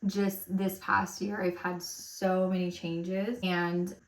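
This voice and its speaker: A woman's voice: lowish voice, level tone, takes it slowly, slight background noise. A woman in her thirties chatting casually while getting ready, rambling with lots of fillers, recorded at home. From Romania, raised in America. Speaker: lifestyle vlogger. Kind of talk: casual get-ready-with-me chat. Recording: roomy echo, mic at a distance.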